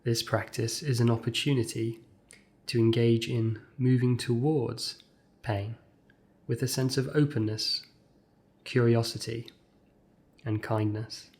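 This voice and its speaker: At a medium pitch and with flat delivery, a man talks listeners through a scripted mindfulness exercise. His instructions come in measured, short phrases, with gentle pauses between each step.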